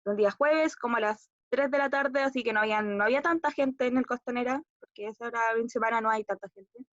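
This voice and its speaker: A woman's voice: on the high side, fast, a bit bright, dry recording. A young woman with a Chilean Spanish accent tells a personal story as a class monologue, hesitant and rambling with fillers and restarts. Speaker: acting student. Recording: dull, dry recording.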